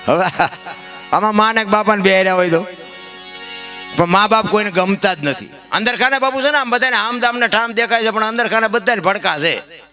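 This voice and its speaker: A man giving a folk discourse to a live audience, rustic and preachy, swinging between loud outbursts and soft asides. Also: high voice, fairly quick, faint music behind. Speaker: folk storyteller and speaker.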